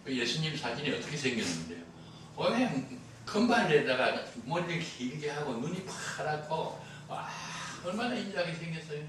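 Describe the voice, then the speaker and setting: A man's voice: on the high side, very animated, moderate pace, fairly bright tone, a little hiss or hum. An older man preaching a sermon as a pastor, telling stories with humor and acting out the dialogue. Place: church sanctuary. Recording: roomy echo, heard from a distance.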